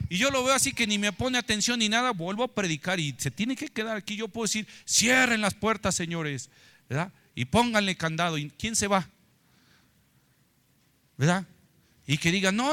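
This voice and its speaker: A male pastor, preaching a live sermon in an animated, teasing way and acting out complaining voices. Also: sits high.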